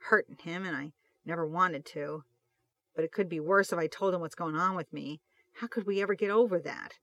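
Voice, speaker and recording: A reader voicing a worried, impulsive male police detective in an audiobook of fan fiction, talking loudly and pleadingly. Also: mid-range voice, fairly quick, no room sound. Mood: anxious.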